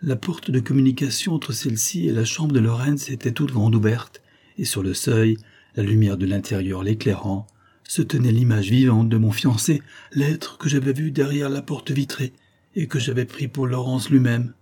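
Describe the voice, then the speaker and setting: A man reading a literary story aloud in a measured, even narrating voice. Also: medium pitch, husky. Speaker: audiobook reader.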